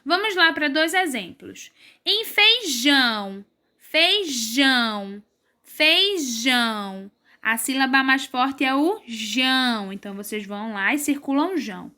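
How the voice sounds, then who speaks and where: A woman teacher with a Brazilian Portuguese accent and a high, bright voice guides young pupils through an exercise. She explains patiently, step by step, and draws syllables out slowly whenever she stresses a word. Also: animated. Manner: slow, drawn-out syllables when stressing words. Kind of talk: recorded remote class lesson.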